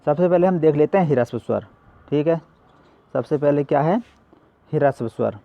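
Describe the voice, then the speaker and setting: A man's voice: a little high, expressive, normal speed, vocal fry, narrow, tinny audio. A male teacher giving a classroom lesson, asking questions and answering them himself.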